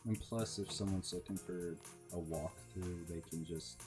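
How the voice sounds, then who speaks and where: A man's voice: deep voice, fairly even intonation, a little slow, over music. A man co-hosting a let's play with his spouse, chatting casually, teasing and swearing. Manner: laid-back, swearing and teasing. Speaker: co-host, spouse of the host. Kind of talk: casual gameplay chat.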